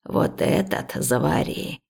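A woman voicing a wise, stern old village herbalist who gives slow, measured instructions. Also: a little mellow, natural voice. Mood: instructive.

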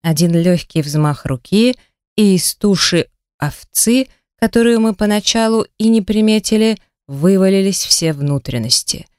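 A woman's voice: medium pitch, expressive, unhurried, darkish tone, clear, resonant tone, dry recording, studio quality. Woman reading a wry first-person fantasy tale. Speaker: audiobook narrator.

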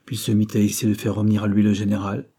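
Male narrator for a classic novel: measured, dark, slightly husky. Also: lowish voice, completely flat delivery. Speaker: audiobook reader. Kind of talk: storybook narration.

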